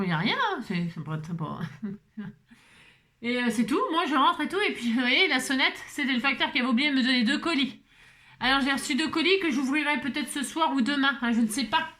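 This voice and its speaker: A woman's voice: high-pitched, pushed and bright. A tired French woman chatting casually at home while making a card, rambling with lots of fillers, restarts and small laughs. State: a little tired. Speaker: papercraft vlogger. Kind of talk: casual chatty craft tutorial.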